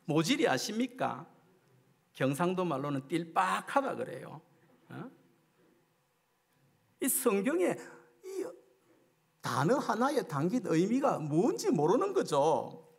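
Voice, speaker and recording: Middle-aged male revival preacher with a high-pitched, animated, emphatic delivery built on rhetorical questions. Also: takes it slowly, gravelly, long pauses, breathy edge. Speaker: guest preacher at a revival meeting. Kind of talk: sermon.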